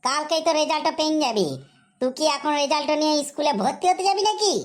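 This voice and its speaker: A woman's voice: high voice, fast, natural voice. A woman playing a fussy male village computer-shop operator, rambling and scolding. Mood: grumbling. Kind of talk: comedy sketch acting.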